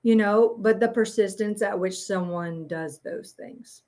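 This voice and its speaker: Speaking a little slowly in a warm, medium-pitched voice, this adult guest therapist, herself a parent, talks things through in a casual explanatory chat. She gropes for her points loosely, with frequent "um"s and "right?"s.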